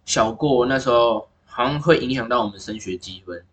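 A man's voice: mid-range voice, moderate pace, a bit bright, slight background noise. A young man hosting a casual chat, blunt and swearing freely. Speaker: host.

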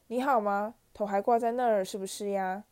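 Woman reader doing a booming, jokey ghost knight; loud and hearty, storybook. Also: steady tone, normal speed, clear, resonant tone, lightly acted. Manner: hearty, shouting. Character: boisterous headless knight ghost, loud joker.

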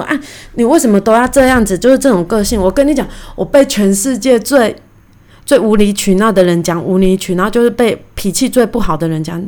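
A young woman with a Taiwanese Mandarin accent, hosting a podcast and animatedly telling a personal story, acting out the quoted lines of each person. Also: medium pitch. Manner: animated, acts out quoted dialogue. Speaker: podcast host. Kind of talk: casual storytelling monologue.

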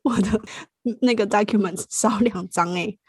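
A young woman from Taiwan, co-hosting a podcast and telling a story in an animated way, mixing English phrases into her speech. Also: mid-range voice, moderate pace, slightly rough, no echo, clean studio sound. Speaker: podcast co-host. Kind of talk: casual storytelling chat.

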